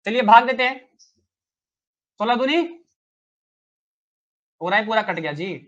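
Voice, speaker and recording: A man's voice: sits high, animated, unhurried, a bit bright, muffled recording. A man teaching a live online maths class, chatty and coaxing, who keeps quizzing his students with rhetorical questions.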